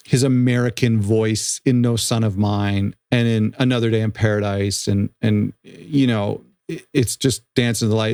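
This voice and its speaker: A man's voice: medium pitch, vocal fry, a little mellow, dry recording, studio quality. A man hosting a music reaction channel, giving casual, rambling commentary full of restarts and self-corrections.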